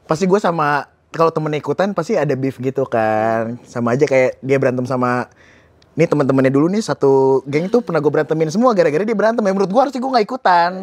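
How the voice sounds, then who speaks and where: Casting: man, late 20s, quick rambling delivery, candid and self-critical. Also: a little high, expressive, no room sound. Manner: fast, rambling, self-critical, informal slang. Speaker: guest. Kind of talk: casual candid conversation.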